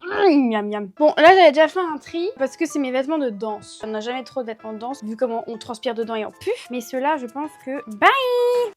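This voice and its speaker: A woman's voice: high voice, fairly quick, hardly any pauses, darkish tone, faint music behind. A young woman chatting casually to camera as a vlogger, self-mocking and thinking aloud. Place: bedroom by her wardrobe.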